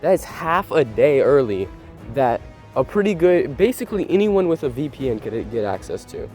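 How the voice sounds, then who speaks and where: A sick, congested man giving casual gaming commentary with an animated, sarcastic ranting manner. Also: mid-range voice, normal speed, soft background music. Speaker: gaming YouTuber.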